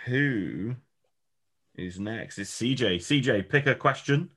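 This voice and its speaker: A man hosting a casual quiz among friends, chatty and quick to laugh. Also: medium pitch, animated, fairly bright tone, breathy edge. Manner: laughs easily, loose and chatty. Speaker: quiz host. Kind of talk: casual podcast quiz chat.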